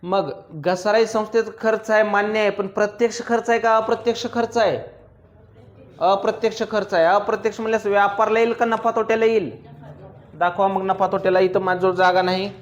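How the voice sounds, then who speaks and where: A male commerce teacher, lecturing a class and drilling students with quick questions and teasing remarks. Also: sits high, muffled recording.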